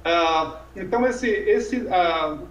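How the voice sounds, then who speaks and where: A man with a high voice explains things in a relaxed lecture, checking in with tag questions and rhetorical asides. He sits well away from the mic. The room around him rings with echo. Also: takes it slowly. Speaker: Sanskrit teacher. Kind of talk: informal lecture conversation. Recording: echoey room, voice from far off mic.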